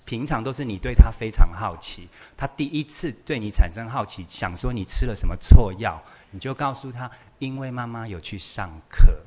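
A man teaching a parenting class in a lively way, acting out little scenes as he goes. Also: medium pitch, a little fast, few pauses, husky. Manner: animated, storytelling, acts out scenes.

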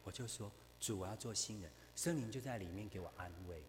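A man's voice: on the low side, a little fast, big-room sound, a little hiss or hum. A man preaching a sermon, telling a story and acting out both sides of the conversation.

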